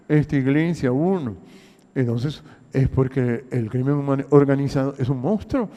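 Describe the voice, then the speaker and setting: Older Honduran pastor preaching in a reverberant hall. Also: male voice, fairly high pitch, warm tone. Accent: Honduran Spanish. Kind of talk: sermon.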